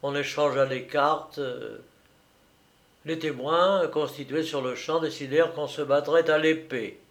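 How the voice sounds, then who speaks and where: A man's voice: fairly high pitch, steady tone, measured pace. A man narrating a comic story with theatrical delivery, voicing characters with sudden outbursts. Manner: theatrical, voices characters with shouts and sudden bursts.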